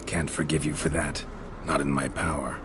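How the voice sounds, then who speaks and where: An actor playing a stoic, world-weary monster hunter in a video game, deadpan and terse, in clipped sentences. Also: male voice, a bass voice, moderate pace. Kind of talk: low-key video game voice acting. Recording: noisy ambience behind the voice.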